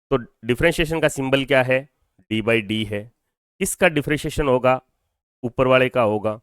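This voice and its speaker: A man's voice: medium pitch, clean tone, dry recording, clean studio sound. Hindi-speaking man teaching physics. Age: adult over twenty-two. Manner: explains step by step, asking and answering his own questions; mixes Hindi with English phrases. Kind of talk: classroom lecture.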